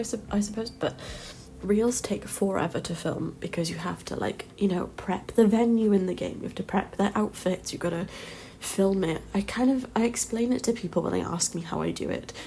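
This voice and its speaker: In a creaky, mid-range voice, a woman voices over her Sims game build casually and at length, sprinkling in ums and gentle laughs. Hay fever gives her a slight nasal quality, and her home mic has a little hiss or hum along with outside street noise.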